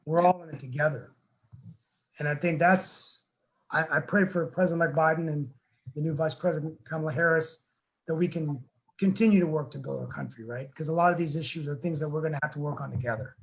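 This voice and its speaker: Guy hosting a webinar on a video call, kinda high voice, earnest and rambly, lots of ums. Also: fairly quick, vocal fry, low-quality recording. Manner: earnest, rambling, many fillers and restarts. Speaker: webinar host, town council member. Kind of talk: casual webinar talk.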